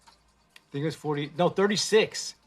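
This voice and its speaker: A man hosting a casual livestream, talking in a profane, slangy and animated way into a phone. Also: fairly high pitch, normal speed. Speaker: livestream host.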